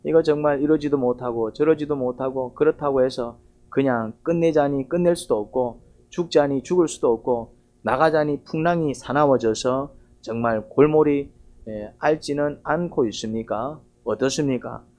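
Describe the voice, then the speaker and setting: A man preaches a Sunday sermon from the pulpit in a low, mellow voice of middle pitch. He tells the story vividly, like a storyteller, and often stops to ask the congregation rhetorical questions. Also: moderate pace. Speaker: pastor.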